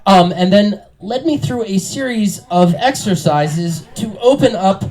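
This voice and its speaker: A man telling a comic anecdote on stage with a halting, wry build-up. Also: high voice, lively intonation, a little mellow, poor audio. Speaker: comic storyteller. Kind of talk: comic storytelling to an audience.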